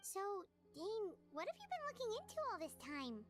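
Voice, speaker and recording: A woman's voice: very high voice, huge pitch swings, moderate pace, heavily acted. A woman voicing a tiny chirpy floating companion creature who talks about herself by name, in game dialogue. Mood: curious. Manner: bubbly, refers to herself by name. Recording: game audio with music.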